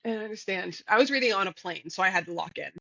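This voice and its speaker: Bright giggly woman cohosting a podcast, dry muffled sound. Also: quick pace, vocal fry, dry recording. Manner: giggly, lots of fillers like "like" and "boom". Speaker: podcast co-host. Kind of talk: casual chat. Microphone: podcast mic, eating on air.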